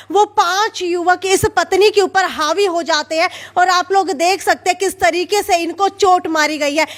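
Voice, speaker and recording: High-voiced woman field reporter. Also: fairly bright tone. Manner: urgent, probing questions. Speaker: news reporter.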